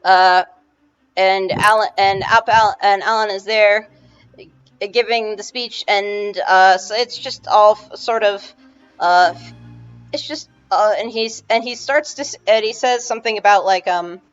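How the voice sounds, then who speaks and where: Halting woman game master, lo-fi. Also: medium pitch, clear, resonant tone. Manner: rambling, halting, many restarts and fillers. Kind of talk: narrating a tabletop game. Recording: dull lo-fi with faint music.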